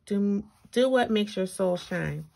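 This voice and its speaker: A woman's voice: mid-range voice, lively intonation, slow pace, vocal fry, darkish tone. A woman with braces slightly impeding her speech gives a casual, chatty walkthrough, thinking aloud and reading items out. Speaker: planner reviewer, video host. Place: indoors at a tabletop, hands-only overhead shot. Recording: noticeable background noise with clicks.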